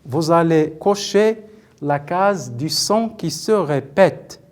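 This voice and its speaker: Male primary teacher, high voice, televised class, patient, slow, breaks words into syllables. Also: expressive. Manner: questions and praises pupils often.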